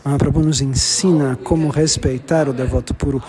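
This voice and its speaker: A man of middle pitch delivers a devotional lecture to a gathering. He often restarts and repeats phrases, slowing down to stress key terms. The sounds of the listening crowd come through clearly. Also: fairly even intonation. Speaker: religious lecturer.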